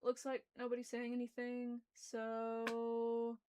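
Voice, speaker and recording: Young woman w a high clear voice, talking thru a locked jaw so words come out a bit muffled, shy apologetic story reader on a livestream. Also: monotone, slow pace, warm tone. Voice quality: speaking through a locked, barely opening jaw, slightly muffled articulation. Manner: hesitant, apologetic. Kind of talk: reading a story aloud, informal livestream chat.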